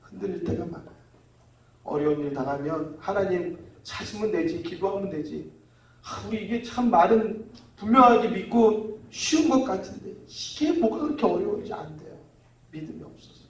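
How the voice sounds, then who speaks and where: A man's voice: high voice, animated, normal speed. Male pastor preaching in an echoey hall. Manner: conversational preaching with call-and-repeat. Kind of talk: sermon. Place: church sanctuary. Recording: echoey church hall from far off.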